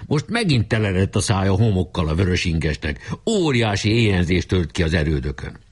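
A man narrating a story aloud in an expressive storytelling manner. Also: low voice, husky. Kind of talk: audiobook narration.

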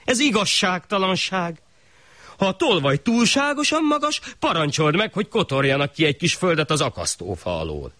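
A man's voice: sits high, big pitch swings, bright, forceful tone, dry recording, pitched above the performer's own voice, heavily acted. A man voicing a small, poor sack porter in a folk tale, pleading for his life.

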